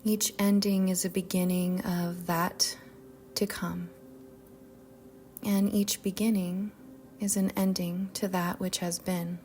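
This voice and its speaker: A yoga nidra guide, a woman with a lowish, soft, whispery-edged voice, narrates a guided meditation gently and soothingly with long pauses, though her delivery is flat. A soft music bed plays behind her, along with slight background noise.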